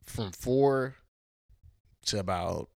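A man's voice: lowish voice, very slow, gravelly, darkish tone. Slangy, profane man on a podcast. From Houston, Texas. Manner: loose, slangy and profane, trailing off and searching for words. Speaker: podcast guest. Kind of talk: casual podcast conversation.

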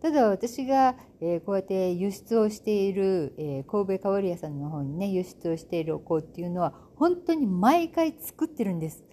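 A woman's voice: medium pitch, animated, moderate pace, hardly any pauses, mellow, a little hiss or hum. A middle-aged woman hosting a casual solo talk, chatty and self-amused, with lots of fillers. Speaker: podcast host. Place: home in Bali.

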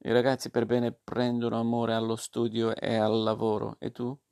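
A stern yet kindly fairy mother lecturing patiently, as a man reads her. The voice is low-key and gravelly, and it stays flat and even through each admonition in this storybook reading. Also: normal speed, natural voice. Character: kind but stern fairy mother, female.

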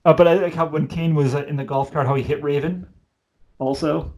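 A man's voice: on the high side, steady tone, fairly quick, mellow. A man hosting a podcast in casual chat, joking and rambling with side notes. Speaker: podcast host.

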